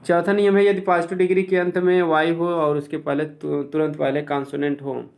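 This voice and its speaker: A man who teaches English, explaining grammar rules step by step and slowly repeating each example word. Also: fairly high pitch, flat delivery, gravelly, darkish tone.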